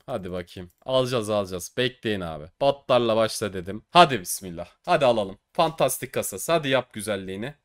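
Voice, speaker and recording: A young man giving casual, excitable commentary while opening cases, boasting loudly and groaning at losses. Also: mid-range voice, dry recording, studio quality. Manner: excitable, swings between boasting shouts and mock crying. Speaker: gaming streamer.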